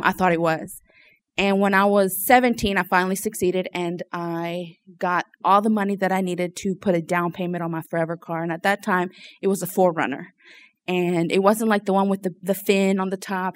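A woman with a fairly low voice shares an informal personal testimony with a group. She is from Louisiana and speaks hesitantly, often pausing to search for words. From Louisiana, United States. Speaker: church member giving testimony.

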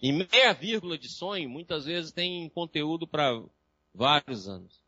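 A lecturer with a Brazilian Portuguese accent teaches a live class in a high, bright voice. He tells lively stories and acts out his patients' voices along the way. The recording is dry and a little dull. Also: unhurried, dry recording.

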